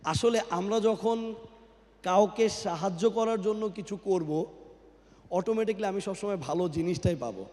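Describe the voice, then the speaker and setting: A man's voice: high-pitched, normal speed, a little mellow. A man giving a motivational speech to a crowd, quizzing the audience and mixing in English, his voice ringing with a cathedral-like echo in a large hall. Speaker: guest speaker at a company event. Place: large indoor event hall. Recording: long hall reverb on a PA microphone.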